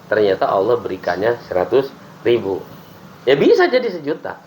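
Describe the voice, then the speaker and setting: A man with an Indonesian accent talks through religious teaching in an easy, chatty podcast manner. He sits at a middle pitch and often acts out short prayers as examples. A faint hiss of room noise sits behind him. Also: moderate pace, low-quality recording. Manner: lively explaining with acted-out prayers and laughs. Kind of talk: casual podcast chat on Islamic teaching.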